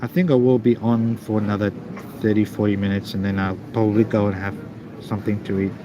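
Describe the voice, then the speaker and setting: A man casually chatting to live stream viewers in a halting, repetitive way. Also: lowish voice, little pitch movement. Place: busy airport waiting area. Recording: noisy airport background ambience.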